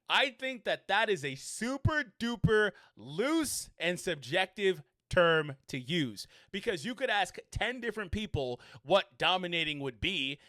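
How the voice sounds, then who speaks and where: A man with a high, bright voice talks through a casual sports commentary vlog. He chats with the viewer and slips in wry asides. The sound is dry and close. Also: dry recording.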